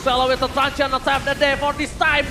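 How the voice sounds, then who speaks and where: High-pitched hype Indonesian male fighting game announcer. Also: level tone, a little fast, background noise. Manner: hype, dramatic shouted calls with English catchphrases. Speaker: esports shoutcaster. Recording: loud music behind the voice. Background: music.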